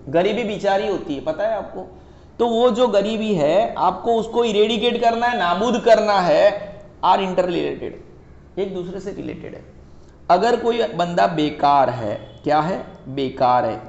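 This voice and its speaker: A male economics tutor with a high, darkish voice gives a playful classroom lecture, joking and teasing an imagined student. He mixes English terms into his talk, and the recording is an echoey, dull lo-fi room.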